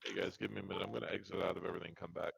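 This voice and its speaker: A man playing a tabletop game over a voice call, his voice coming through grainy, deep and raspy from a glitch that makes him sound like a demon. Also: flat delivery, rapid-fire, a bit bright. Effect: grainy glitching voice chat making him sound like a deep raspy demon. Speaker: player. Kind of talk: casual chat over voice call.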